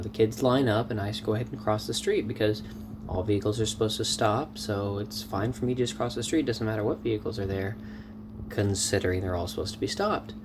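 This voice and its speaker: A man telling a casual story in a vlog, animated, with excited outbursts. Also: lowish voice, noisy background. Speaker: vlogger.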